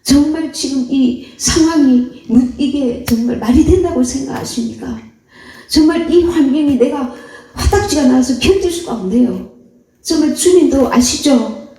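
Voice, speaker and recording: A woman's voice: high-pitched, a little slow, mellow, distant mic, pitched above the performer's own voice. A woman playing an indignant believer. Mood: indignant complaint. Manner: pleading, exasperated. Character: frustrated believer complaining to God, indignant. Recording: echoey hall, voice off-mic.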